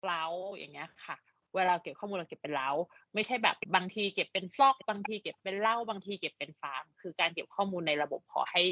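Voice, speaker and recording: Fast-talking Thai-native woman interpreting on a video call, somewhat low voice, dry lo-fi call audio. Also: no room sound. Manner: rapid restating and checking of points.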